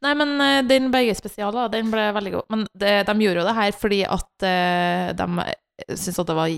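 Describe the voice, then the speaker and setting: Lively, laughing woman storyteller. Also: mid-range voice, gravelly, smooth. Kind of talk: casual chat.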